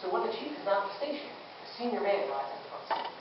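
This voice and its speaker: A man preaches in a large church hall, his voice carried from a distance with long, ringing echo. He tells a story vividly, making sound effects and swinging from quiet to loud. The recording is dull and muffled. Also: sits high, very animated, fast, background noise. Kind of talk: sermon storytelling.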